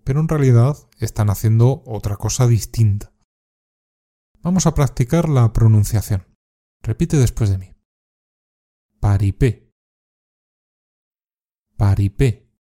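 A man from Spain teaching informal Spanish words, speaking slowly and carefully and repeating each word for practice. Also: medium pitch, warm tone. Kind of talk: scripted slang lesson with repeat-after-me drills.

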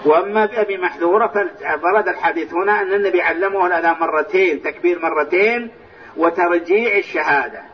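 A man teaching a lesson on hadith, explaining the texts step by step and softly reciting phrases of the call to prayer, heard in an old recording from a large mosque. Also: sits high, fast. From Saudi Arabia. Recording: distant, dull, lo-fi old recording with faint hiss.

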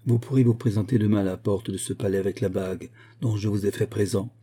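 A man's voice: fairly low pitch, fairly even intonation, fast talker, breathy edge. Graceful young noble lady, as a man reads her. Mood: gently embarrassed. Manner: gentle, emotional pleading.

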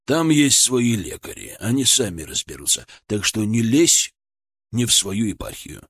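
A man voicing a stern senior surgeon who talks slowly and wearily, brushing off a request. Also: lowish voice, sing-song, a bit bright, slightly rough, dry recording, clean studio sound, exaggerated voice. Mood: dismissive.

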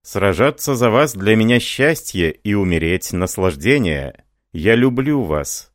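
A man's voice: on the low side, lively intonation, unhurried, dry recording, clean studio sound. A man playing an ardent, devoted young French lieutenant who speaks fervently and pleadingly.

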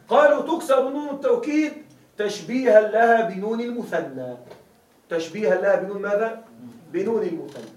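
In a classroom lecture on Arabic grammar, a man speaks in a high, animated, somewhat mellow voice at a fairly quick pace. He regularly confirms his students are following and echoes key words back as questions for them to answer. The sound is roomy, from a mic set far away.

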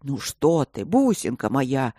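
A woman's voice: a bass voice, sing-song, slow pace, warm tone, slightly rough, no room sound, clean studio sound, voice pushed down, heavily acted. A woman voicing a burly, overprotective fantasy father who grumbles in a tipsy, doting way. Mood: grumbling.

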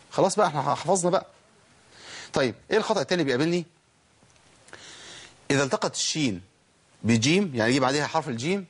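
Egyptian man, recitation teacher, higher voice, rapid patter, drawls letters for demos. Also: breathy edge. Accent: Egyptian Arabic. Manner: asks rhetorical questions and answers them himself; stretches out letters slowly to demonstrate pronunciation. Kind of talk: recorded recitation lesson.

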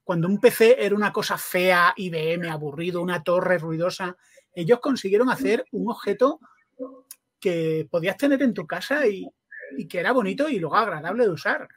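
A man's voice: high-pitched, normal speed, a bit bright, dry recording, studio quality. A man with a Spain accent hosting a podcast, chatty and enthusiastic, asking long questions. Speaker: podcast host. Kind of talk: casual interview chat.

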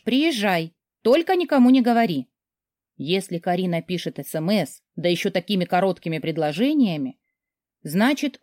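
A woman reads a first-person novel aloud in an expressive storytelling way. Her pitch moves a lot, rising and falling through each sentence. The recording is dry and close. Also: no room sound. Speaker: audiobook narrator. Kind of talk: first-person audiobook narration.

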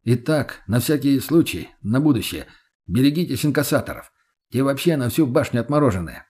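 A man's voice: mid-range voice, expressive, a little fast, a little mellow, husky. A man voicing a brash, laid-back young male survivor who talks bluntly in street slang.

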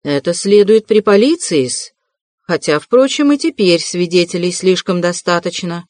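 A woman's voice: fairly low pitch, measured pace, darkish tone, no room sound, natural voice. A woman voicing a pompous, prim middle-aged man who speaks stiffly and formally in an audiobook reading. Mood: flustered.

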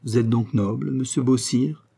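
A man reading an audiobook voices a scornful, sharp-tongued young mother, mocking and quick to anger. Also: medium pitch, vocal fry. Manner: mocking, exasperated.

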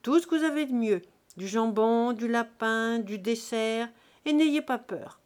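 Brief: female narrator doing a loud, jovial drunken country lout in an audiobook, pushed up higher and louder. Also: measured pace, natural voice. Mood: rowdy. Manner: loud, rowdy, jovial bellowing. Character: boisterous drunken middle-aged peasant man, crude joker.

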